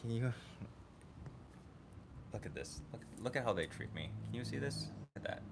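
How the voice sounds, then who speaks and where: A man's voice: medium pitch, lively intonation, moderate pace, creaky, background noise. A man hosting a casual livestream from his home, chatting with viewers, reading the chat aloud and laughing often. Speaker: livestream host.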